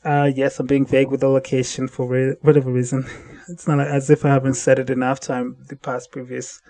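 A man's voice: medium pitch, little pitch movement, brisk, mellow, no echo. A man hosting a casual solo podcast, rambling and correcting himself as he thinks aloud at home in the evening. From central United States. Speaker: podcast host.

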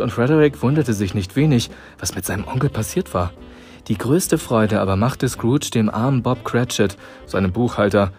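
A man reading a storybook aloud to listeners in a calm, measured way. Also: medium pitch. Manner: calm, measured narration with dramatic pauses.

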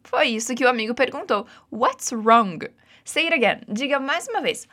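Here a woman's slightly high, expressive voice with a sharp tone comes at a normal speed. She speaks with a Brazilian Portuguese accent, leading a guided lesson in English phrases and patiently encouraging learners through repetition drills.

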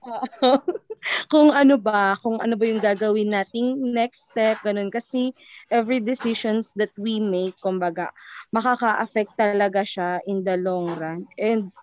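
A woman's voice: mid-range voice, unhurried, slight background noise. A woman in her twenties, a podcast guest, chatting casually and switching freely between English and Tagalog. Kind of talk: casual chat.

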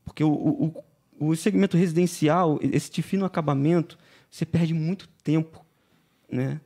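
A Brazilian-accented man with a notably high voice, talking as a podcast guest. His voice has a gravelly, fried edge. He chats and tells stories freely, and he keeps checking in with the listener. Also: fairly even intonation, normal speed, mellow. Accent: Brazilian Portuguese. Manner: chatty storyteller, constantly adding "né?". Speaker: guest, painting business owner. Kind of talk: casual podcast interview.

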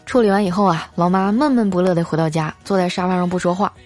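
A woman's voice: lowish voice, quick pace, faint music behind. Chatty woman telling funny family stories. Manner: lively, chatty, teasing. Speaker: storyteller. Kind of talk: comedic storytelling.

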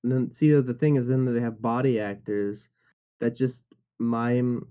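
A man's voice: mid-range voice, steady tone, unhurried, smooth, phone-quality sound. A young man who does voice acting, chatting casually with friends in a rambling, jokey way full of fillers. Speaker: voice actor. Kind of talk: casual group chat.

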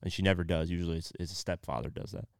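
A man's voice: deep voice, steady tone, very fast, creaky, clear, resonant tone, dry recording, clean studio sound. A man co-hosting a casual podcast, retelling a story in loose, rambling talk. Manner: retells stories loosely, many fillers. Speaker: podcast co-host. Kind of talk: casual chat.

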